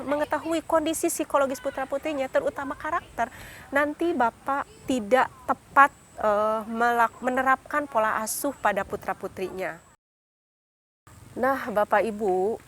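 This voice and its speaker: A young woman with a fairly high voice leads a parenting seminar, laying out her advice as numbered points. She speaks directly to the parents in the audience and breaks into short acted lines of what a parent might say. Faint noise sits behind her voice. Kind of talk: instructive talk to parents.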